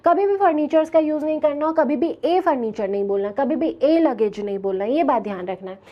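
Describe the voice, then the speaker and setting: A woman teaching an English grammar lesson, explaining slowly and asking her students questions as she goes. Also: sits high, lively intonation, dull audio. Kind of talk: classroom grammar lecture.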